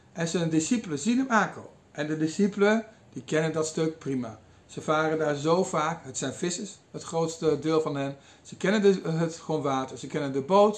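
A man giving a sermon, retelling a Bible passage in a storytelling way with some hesitations. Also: on the high side. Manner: storytelling, quoting figures in lively asides, some hesitations. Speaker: preacher.

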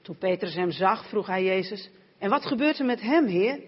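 A woman's voice: medium pitch, expressive, normal speed, husky. A woman interpreting a sermon and then reading scripture aloud in a church. Her voice carries a long hall reverb. The recording sounds dull and lo-fi.

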